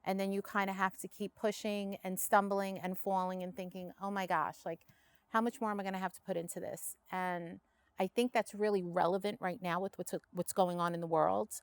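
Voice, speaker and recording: A woman's voice: lowish voice, little pitch movement, brisk, clean tone. A woman hosting an interview, asking reflective, rambling questions and sharing her own story in a casual chat. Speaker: interview host.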